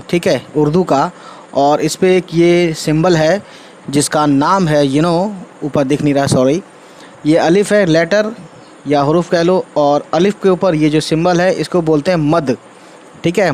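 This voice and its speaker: एक पुरुष उर्दू शिक्षक, आराम से समझाते हुए पाठ पढ़ाता है और बार-बार "ठीक है" कहता है, बीच-बीच में अंग्रेज़ी शब्द मिलाता है।. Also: male voice, a little high, a little mellow, slight background noise. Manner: repeats "ठीक है" often, mixes English words. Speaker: Urdu teacher. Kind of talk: casual explanatory lesson.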